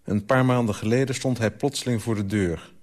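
An author reading his own literary story aloud for radio, in a calm, measured way. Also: on the low side.

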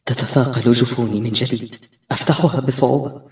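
A man reading an audiobook as a first-person narrator, expressive and tense. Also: mid-range voice, a little fast, gravelly. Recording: roomy, distant-miked recording.

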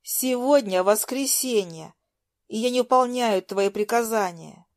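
A defiant young woman snaps back in a raised, angry voice, as a woman narrator plays her. She sounds fed up and sharp, and she argues hard. The recording is dry and close. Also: fairly high pitch, a little slow, dry recording. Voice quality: raised, snapping voice.

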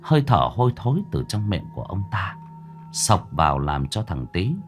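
A man narrating a horror story in a dramatic, suspenseful manner, slowing down for tense moments. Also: deep voice, sing-song. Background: soft background music.

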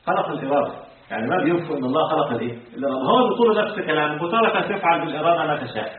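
Male sheikh, brisk lecturing with questions to the class; far-off mic, phone-thin, heavy hall echo. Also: fairly high pitch, lively intonation, a little hiss or hum. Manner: asks the class questions and drops into colloquial asides; slows to a deliberate pace when reciting the text. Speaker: sheikh teaching creed. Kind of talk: religious lesson to a class. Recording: distant, phone-like, echoey hall.

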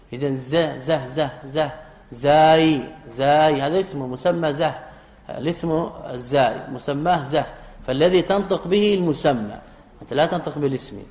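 A man's voice: a little high, a little mellow. Lecturing man in an echoey hall. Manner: rhetorical questions answered himself, repeats key phrases. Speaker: teacher of Arabic grammar. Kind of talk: classroom lecture. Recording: echoey hall with long reverb.

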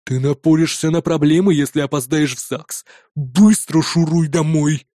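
A reader voicing a gruff, blunt male police colleague who talks in curt orders. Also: medium pitch, steady tone, moderate pace, warm tone, no room sound, studio quality, lightly acted. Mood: bossy. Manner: bossy, curt.

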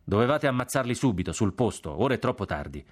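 A man's voice: on the low side, big pitch swings, fast talker, pitched above the performer's own voice. A male reader voicing an officer who speaks with firm, curt authority. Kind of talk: audiobook character voice.

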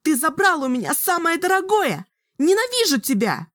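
A shrill, wildly swooping voice of a young sorceress wild with grief and fury. She screams her accusations high and hard. The recording is close and dry. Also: big pitch swings, unhurried, a bit bright, dry recording, exaggerated voice. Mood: hysterical rage. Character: young girl sorceress, grief-stricken and furious. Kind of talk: audiobook character voice.

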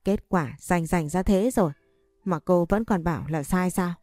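A woman's voice: fairly low pitch, moderate pace, warm tone, dry recording, faint music behind, lightly acted. A woman voicing a harsh scolding mother-in-law. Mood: angry. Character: stern scornful older mother-in-law.

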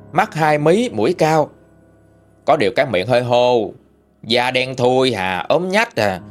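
A man with a Southern Vietnamese accent tells a ghost story in a folksy, homespun manner. His voice sits mid-range but swings up and down with lively expression. Faint music plays underneath. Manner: folksy, animated retelling with lively pitch swings.

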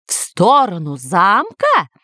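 A woman voicing a brooding, weary villain lord in a storybook reading, low and snappish. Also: measured pace, no echo, studio quality. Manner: gloomy, snapping.

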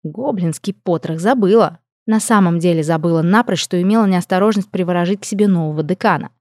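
A woman narrating an audiobook in the first person with an expressive reading. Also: on the low side, quick pace, no room sound, clean studio sound.

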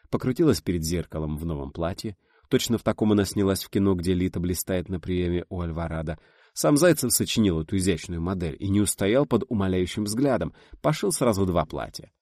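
A man reading a novel aloud as an audiobook narrator, expressive and voicing each character. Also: low-pitched, a little fast, dry recording, clean studio sound.

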